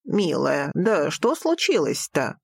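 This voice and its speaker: A woman voicing a distraught, stern father in an audiobook, speaking in a slow, heavy, scolding way. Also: sits low, sing-song, vocal fry, darkish tone, slightly rough, dry recording, pitched below the performer's own voice, full character voice. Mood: worried. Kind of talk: audiobook character voice.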